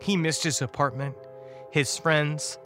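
A man reading a dark comic story aloud, shifting his voice for the characters. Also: a little high, steady tone, slow, faint music behind. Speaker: guest preacher reading a story.

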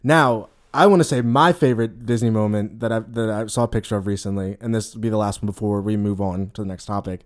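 A man co-hosting a casual podcast, telling behind-the-scenes stories in an animated, quick, filler-heavy way. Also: on the low side. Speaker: podcast co-host, former costumed character performer.

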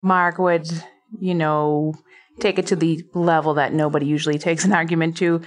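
A woman from South Boston with a Boston accent, telling stories in an animated, laughing way in an interview. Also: low voice, moderate pace. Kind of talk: casual interview.

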